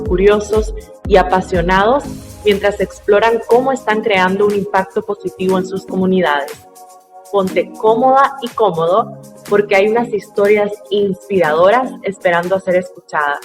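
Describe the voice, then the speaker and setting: Lady doing the scripted show intro, smooth read, quiet music behind. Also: mid-range voice. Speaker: podcast announcer.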